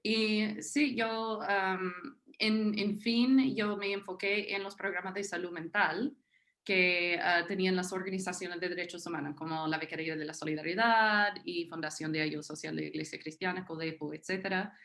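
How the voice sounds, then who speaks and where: Her voice is fairly low and steady, with a fairly bright tone and moderate pace. A native English-speaking historian from Tennessee with an American accent, she speaks unscripted on a panel, hesitantly, filling gaps and starting over frequently.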